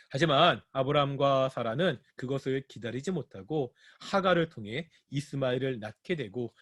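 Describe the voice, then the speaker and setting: A man's voice: on the high side, no room sound, studio quality. A male pastor teaching a Bible study sermon, often asking the congregation questions and then answering them himself. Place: church.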